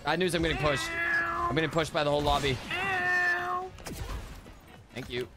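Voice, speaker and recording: A man streaming a game, chatting to teammates and chat in an excitable, joking way and swearing often. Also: on the high side, moderate pace. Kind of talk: casual live-stream gameplay chat. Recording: game music clearly behind the voice.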